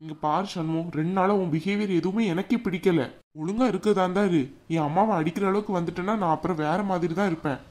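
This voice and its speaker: A man's voice: sits high, fast talker, darkish tone, natural voice. A man voicing a young husband in a cartoon, pleading with his mother and stern with his wife. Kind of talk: cartoon dubbing.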